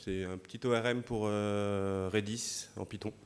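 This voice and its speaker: A man's voice: fairly low pitch, fairly even intonation, normal speed, clean tone. A man with a French accent giving a conference talk, explaining a live code demo step by step with fillers. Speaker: conference speaker.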